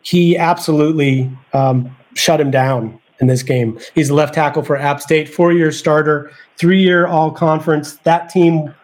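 A man's voice: on the high side, fairly even intonation, unhurried, hardly any pauses, a little mellow. A man on a sports podcast, thinking aloud as he weighs draft prospects in casual chat. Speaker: podcast panelist.

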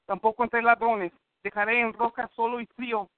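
A man's voice: extremely high pitch, flat delivery, normal speed, no echo. A man from Northern California spitting boastful, aggressive insult rhymes in a rap battle over the phone. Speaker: battle rapper. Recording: tinny dry phone line.

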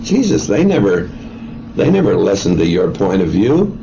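A man speaking in a halting, hesitant way, heard on a dull, lo-fi clip with faint ambient noise. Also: low voice, sing-song, vocal fry, mellow.

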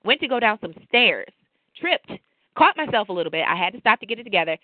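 A woman's voice: mid-range voice, quick pace, slight background noise. Woman telling a story over a tinny line. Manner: storytelling, animated, preachy asides. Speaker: podcast co-host. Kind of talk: casual faith talk. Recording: tinny phone-like line, dry.

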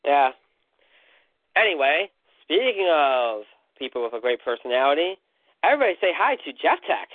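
A man's voice: a little high, very animated, normal speed, pauses often, no echo. A man hosting a radio show in casual sports talk, often repeating and restarting his words. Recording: narrow phone-like radio sound.

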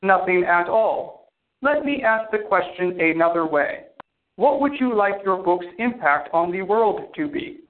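A man's voice: high voice, animated, a little slow. A man voicing a cold, formal male artificial intelligence that speaks precisely and without emotion. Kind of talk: audio drama acting. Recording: tinny phone-like sound.

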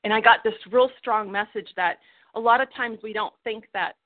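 A woman's voice: on the high side, normal speed, no room sound. A woman coaching and encouraging others on a group phone call, earnest and heartfelt. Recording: tinny phone line, dry.

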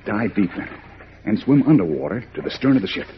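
An actor playing a brisk, commanding masked crime-fighting hero in a 1940s radio drama. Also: male voice, lowish voice, very animated. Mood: brisk, urgent. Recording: muffled vintage radio, faint noise.

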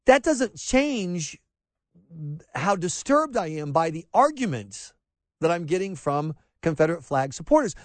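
A man's voice: on the high side, no room sound. A middle-aged man from rural South Carolina hosting a talk radio show, delivering an impassioned opinion monologue with frequent restarts and mocking asides. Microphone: close studio mic, dry.

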